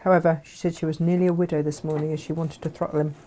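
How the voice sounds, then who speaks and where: A woman's voice: low-pitched, flat delivery, racing, warm tone, slight background noise. A woman co-hosting a live show in a casual, jokey way, reading out and reacting to viewers' messages. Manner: chatty, jokey.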